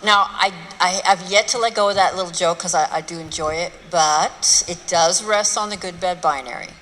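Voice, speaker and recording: Female lecturer, bright forceful voice, blunt and wry, live talk in a reverberant hall. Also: lowish voice, normal speed. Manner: blunt, rhetorical, mocking asides. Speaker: speaker giving a talk on race. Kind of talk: public lecture to a live audience. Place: large hall with an audience. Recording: hall reverb, faint room ambience.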